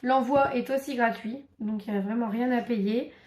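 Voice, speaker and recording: A woman's voice: on the high side, normal speed, darkish tone. A woman casually showing craft papers to camera, chatty and enthusiastic, with many fillers. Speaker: crafts vlogger. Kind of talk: casual show-and-tell. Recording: echoey room.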